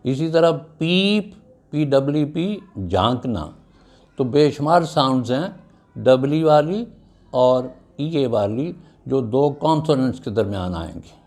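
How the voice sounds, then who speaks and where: Very slow man teaching English. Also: medium pitch, lively intonation, a little mellow. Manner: slow, deliberate, spells words letter by letter and repeats them. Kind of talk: classroom lecture on vowel sounds.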